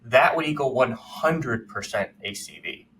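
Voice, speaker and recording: A man co-hosting a podcast while sick with a cold, relaxed and explanatory. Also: medium pitch, measured pace, slight background noise. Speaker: podcast co-host. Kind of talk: casual podcast chat.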